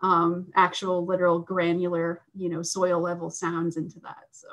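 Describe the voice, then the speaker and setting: A woman speaking as a guest in a panel discussion on a video call, hesitant, with many fillers and soft laughs. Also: fairly low pitch, completely flat delivery, normal speed, low-quality recording.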